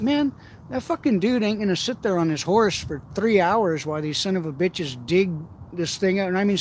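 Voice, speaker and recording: Middle-aged guy rambling and cussing through fishing stories outside, kinda high voice, light background hiss. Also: darkish tone. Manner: profane, rambling anecdotes with frequent laughs. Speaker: outdoors vlogger. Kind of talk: casual storytelling while shore fishing. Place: outdoors by the water.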